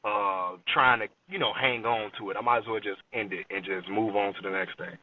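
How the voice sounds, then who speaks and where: Fairly low in pitch and brisk, with fairly even intonation, this American man from Chicago is a rap artist in his late twenties being interviewed on a podcast. He talks in a loose, slangy way and keeps making sure you follow. The sound is dull and lo-fi, he's far from the mic, and there's a little hiss or hum.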